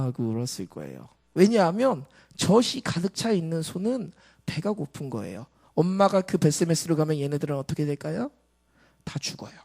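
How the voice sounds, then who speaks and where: A man's voice: a little high, creaky. Male pastor, raised voice, preaching with rising intensity and constant questions to the congregation. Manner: storytelling with rhetorical questions, swelling to loud exhortation. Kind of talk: sermon.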